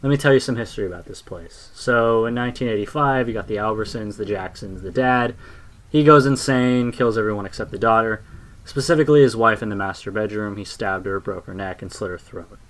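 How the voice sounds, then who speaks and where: A man tells a creepy story in a low, quiet voice, letting the grim details settle. His pitch sits on the deep side, and he keeps a steady storyteller's hush. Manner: low, hushed storytelling with dark asides. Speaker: narrator. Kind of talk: horror story narration.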